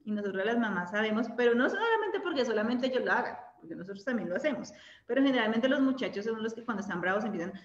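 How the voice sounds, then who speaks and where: A woman's voice: a little high, lively intonation, fast talker. Colombian woman teaching in an echoey room. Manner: conversational, ends points with tag questions. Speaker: Bible study teacher. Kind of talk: women's Bible study teaching. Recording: echoey room, dull lo-fi sound.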